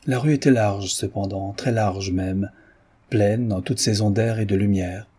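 A man reading a classic novel aloud as audiobook narration, in a measured, descriptive manner. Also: fairly low pitch, steady tone, mellow, husky. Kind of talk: scripted narration.

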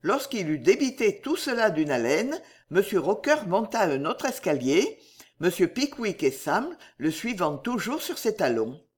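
An audiobook narrator giving a measured literary reading. The pitch moves about lively across the phrases, and the delivery stays steady and scripted.

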